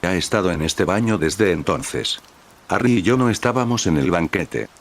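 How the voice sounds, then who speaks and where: A man reading the lines of a calm, precise young witch girl, speaking in a clear, even and matter-of-fact way. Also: low voice, normal speed.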